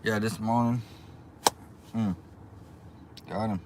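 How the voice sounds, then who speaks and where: A man hosting a casual livestream from inside a car, rambling through unhurried small talk with viewers. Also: on the low side, steady tone. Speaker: livestream host, small YouTube channel. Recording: clear background noise, car ambience.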